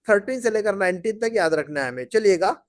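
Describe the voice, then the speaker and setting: High-voiced man drilling a class. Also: lively intonation, dry recording. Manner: patient, repeats words and quizzes the class. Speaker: Arabic teacher. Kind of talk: language class, drilling students. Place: class run from Bahrain.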